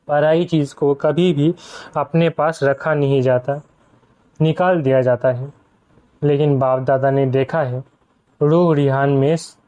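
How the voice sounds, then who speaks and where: A man's voice: a little high, mellow. A man giving a spiritual discourse to a gathered audience, often putting rhetorical questions to his listeners. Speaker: spiritual speaker. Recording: dull lo-fi recording.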